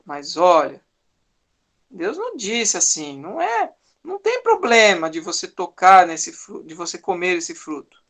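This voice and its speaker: A man's voice: high-pitched, wildly swooping pitch, unhurried, a bit bright. A man with a Brazilian accent giving a sermon, talking conversationally and often tagging his sentences with a questioning "né?". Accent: Brazilian Portuguese. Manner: conversational, tags many sentences with "né?"; teaches verse by verse, acting out short quoted lines. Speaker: preacher.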